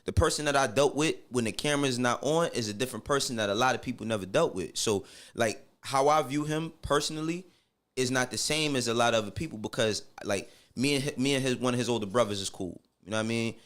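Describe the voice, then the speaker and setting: Fast and a bit bright at medium pitch, the middle-aged New Yorker from Harlem appears as a podcast guest. He speaks in a candid, casual way with a New York accent, using slangy, emphatic phrases and often confirming the listener is following.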